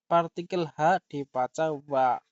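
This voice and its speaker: A man giving a grammar lesson, who talks slowly, repeats key words and reads example sentences aloud. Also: a little high, no echo. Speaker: language teacher. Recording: dull lo-fi dry sound.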